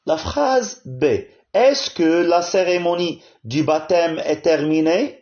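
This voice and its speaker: A man's voice: high-pitched, darkish tone. A man, teaching a grammar lesson to primary pupils, explaining patiently and often checking in with "hein?". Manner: switches between French and Arabic, explaining slowly with frequent "hein?" and "bien". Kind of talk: classroom-style grammar lesson. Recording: dull lo-fi audio.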